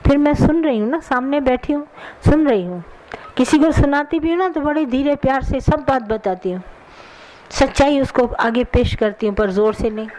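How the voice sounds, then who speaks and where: A woman's voice: high-pitched, darkish tone, poor audio. A woman spiritual teacher giving a satsang sermon, earnest and admonishing, answering questions from the audience directly.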